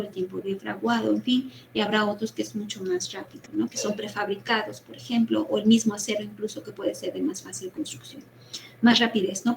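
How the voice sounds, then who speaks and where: A woman's voice: medium pitch, a little mellow, slight background noise, poor audio. A woman giving an online engineering lecture over a video call, explaining step by step and checking in with frequent tag questions and fillers. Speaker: university lecturer.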